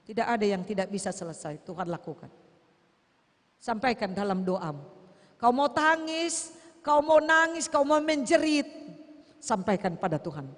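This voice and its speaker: A woman preacher, exhorting and pleading with her congregation in a sermon. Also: on the high side. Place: church sanctuary. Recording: long church reverb.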